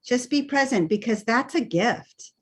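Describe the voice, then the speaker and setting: A woman's voice: a little high, expressive, a little slow, slightly rough. A woman speaking as a hospice nurse, giving reassuring, plain-spoken advice in a conversational way. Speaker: hospice nurse answering volunteers' questions. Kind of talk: conversational advice on a group call.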